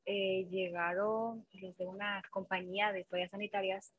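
A woman's voice: medium pitch, flat delivery, moderate pace, narrow, tinny audio, a little hiss or hum. A young woman, candidly telling anecdotes as a guest in a casual panel chat. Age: young adult.

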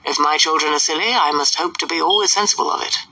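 A woman voicing a dry, sardonic older gentleman who speaks in a measured, mocking way. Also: sits low, husky, no room sound, far from the mic, heavily acted, rough recording.

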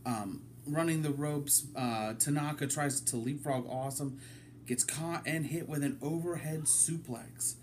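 A man hosting a casual wrestling review from his apartment, talking it through in a halting way with many ums. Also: fairly high pitch, a little hiss or hum. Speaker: wrestling podcast host.

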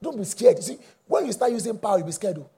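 Pastor, very high voice, husky, call-and-response sermon, shouting bursts. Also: male voice, wildly swooping pitch, fast.

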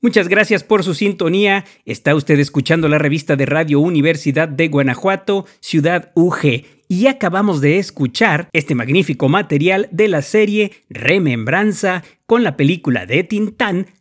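A man hosting a university radio magazine, with a formal, measured announcer delivery. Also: a little high, lively intonation. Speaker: radio host.

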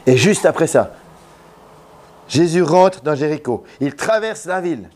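Joking pastor preaching casually. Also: male voice, fairly high pitch, expressive, unhurried, a little mellow. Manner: joking, conversational preaching with audience questions. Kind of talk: informal sermon. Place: church gathering held in a café.

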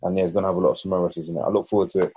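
A man's voice: deep voice, level tone, racing, dark tone, husky. A man with a London roadman accent chatting casually as a podcast co-host, slangy and repeating himself for emphasis. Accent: London, urban roadman slang. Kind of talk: casual chat.

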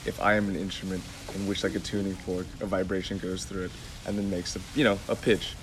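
A man's voice: low-pitched, level tone, quick pace, noisy background. Laid-back young male podcast guest. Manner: laid-back, loose, full of "like". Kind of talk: casual chat.

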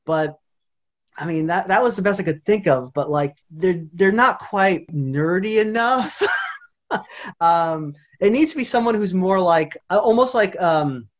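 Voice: mid-range voice, lively intonation, unhurried. A podcast co-host chatting casually, rambling, with constant "like" fillers and restarts. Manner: rambling, heavy use of "like", many restarts. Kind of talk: casual chat.

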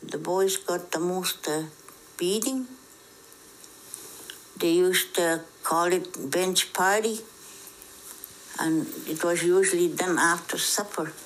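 A woman's voice: on the low side, slow, pauses often, slight background noise, rough recording. A woman in her seventies giving interview testimony as a residential school survivor, recalling events plainly. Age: 70s.

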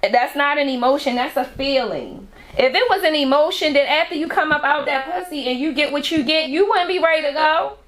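A woman's voice: high-pitched, fairly quick, few pauses, a bit bright. A woman guest on a podcast, chatting casually and emphatically, often laughing. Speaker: podcast guest, salon owner. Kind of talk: casual chat.

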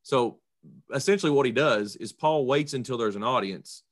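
A man's voice: mid-range voice, normal speed. A man co-hosting a casual faith podcast, earnestly retelling a story with hesitations. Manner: earnest, retells stories with acted quotes. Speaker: podcast co-host.

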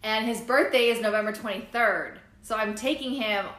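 A woman's voice: fairly high pitch, moderate pace, a bit bright, reverberant. A woman who is a mother, chatting casually with friends in an enthusiastic way with casual swearing. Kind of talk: casual chat.

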